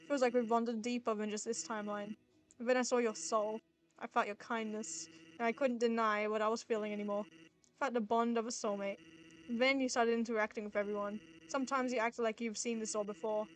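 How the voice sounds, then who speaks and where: A woman's voice: fairly high pitch, flat delivery, a little fast, close to an everyday voice, poor audio. Sans, a woman reading as a shy skeleton monster. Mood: tender, confessional. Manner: soft, hesitant confession. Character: lazy, shy skeleton monster man in love.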